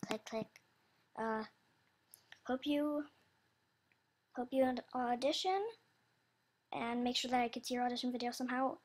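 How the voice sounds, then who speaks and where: In an unscripted, easygoing chat, a video creator announces voice auditions for an animation. Her voice is high, youthful, and a bit childish, with a steady tone. She talks slowly, wandering and hesitating while she searches for the right phrasing.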